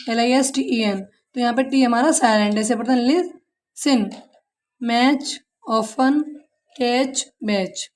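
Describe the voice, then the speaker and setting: A woman with a high voice and an Indian accent teaching a patient English lesson. She spells words out letter by letter, quizzes her pupils and answers for them. She calls them "beta" like a mother. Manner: spells words letter by letter and asks the students questions. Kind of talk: classroom-style language lesson.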